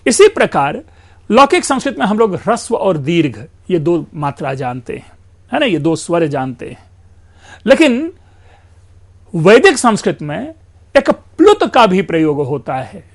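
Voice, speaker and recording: A male lecturer with a fairly high voice explains grammar patiently, stretching out example sounds and switching into English phrases now and then. He talks to his students as friends in a steady, academic lecture. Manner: explains slowly, drawing out sounds and mixing in English; addresses listeners as friends.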